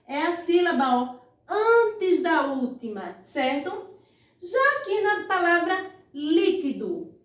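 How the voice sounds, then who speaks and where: Slow high-voiced teacher woman, echoey room. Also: far from the mic. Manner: slow, stretched-out syllables when saying words; frequent "ó" and "vejam só" prompts to pupils. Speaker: primary school teacher. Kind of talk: online classroom lesson. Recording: echoey room, voice away from the mic.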